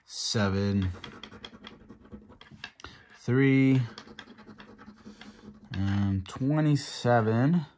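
A man hosting a casual tabletop video, giving running commentary and calling out numbers in short, clipped phrases. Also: medium pitch. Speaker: host of a scratch-off ticket video. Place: indoor tabletop in a room. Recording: steady scratching and clicking noise. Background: scratching of lottery tickets, clicks.

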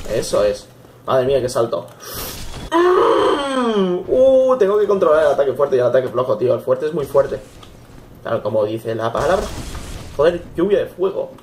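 A young man gives excitable Let's Play commentary, swearing and yelping at the game. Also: sits high, slight background noise. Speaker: gaming YouTuber.

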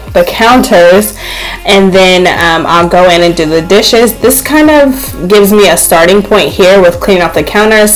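A young woman casually narrating her home cleaning vlog in a relaxed, chatty way, with frequent filler words. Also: fairly low pitch, rough recording. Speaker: cleaning vlogger. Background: faint background music.

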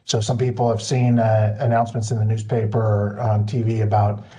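Flat, mellow man on a video call. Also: on the low side, fairly quick. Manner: flat, filler-heavy delivery. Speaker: disaster recovery coordinator. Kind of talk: virtual meeting presentation.

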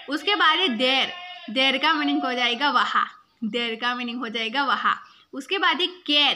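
A woman's voice: fairly high pitch, bright, forceful tone, a little hiss or hum. A woman teacher recording a video lesson, spelling out words letter by letter and repeating each meaning twice.

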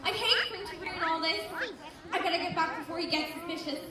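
A woman's voice: extremely high pitch, quick pace, crowd noise. A woman playing a bold, bossy young pantomime heroine on stage. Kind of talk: live pantomime stage acting. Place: large theatre, recorded from audience seats. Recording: distant echoey theatre, music and audience.

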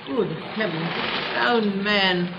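A man playing a prim, easily shocked Victorian gentleman with a genteel, fussy manner in a comedy sketch. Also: sits high, slow, gravelly, reverberant, muffled recording, noisy background, full character voice. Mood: indignant. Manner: genteel, fussy, exclaims in dismay.

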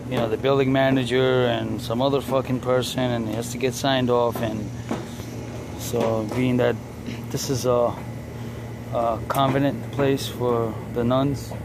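A young man narrates a rooftop repair job into his phone in a casual, foul-mouthed way. His voice sits at an ordinary pitch for a man. Loud air-conditioning hum and street noise fill the space around him. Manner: blunt, profane, joking with his apprentice. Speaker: HVAC technician. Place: outdoors on a building rooftop. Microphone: handheld phone camera. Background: air-conditioning hum and traffic.

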